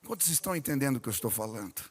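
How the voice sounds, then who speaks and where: A man's voice: mid-range voice, expressive, rapid-fire, breathy edge, long reverb tail. A man preaching a sermon as pastor, telling a story and acting out the voices of the people in it. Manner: storytelling preacher, acts out dialogue with rising intensity.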